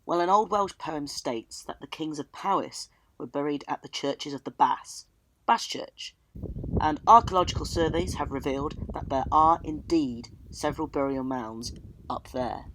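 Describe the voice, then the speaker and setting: Out in the countryside, a man narrates and talks on location for a storytelling travel vlog, delivering it all theatrically. His voice is a little high and fairly bright, moving at a moderate pace, on a rough recording with slight background noise.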